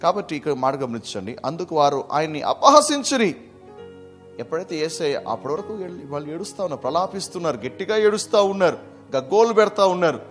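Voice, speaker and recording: Emphatic preaching man with a higher voice. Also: sing-song, quick pace, soft background music. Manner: emphatic preaching, swinging between loud bursts and soft asides. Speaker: Bible teacher. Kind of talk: verse-by-verse Bible study sermon.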